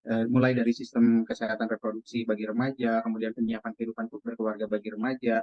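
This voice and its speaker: A man's voice: on the low side, level tone, fast, no echo. A man answering interview questions as a family planning official, hesitant with fillers. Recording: dull dry recording.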